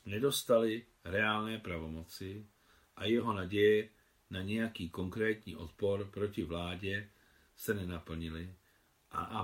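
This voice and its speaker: Low-voiced man, calm author reading of a novel. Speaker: translator reading his own translation.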